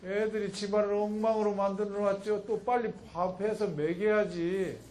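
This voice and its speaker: A man giving a public lecture in an animated way, acting out a mother and child when he quotes them. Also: high voice, normal speed, a little hiss or hum, low-quality recording.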